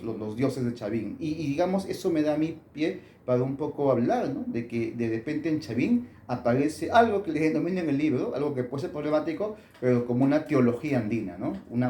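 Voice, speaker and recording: Guy explaining his book, halting, lots of ums, mellow tone, roomy echo. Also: mid-range voice, slight background noise. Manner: thoughtful, many fillers and restarts. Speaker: author being interviewed. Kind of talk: academic interview answers.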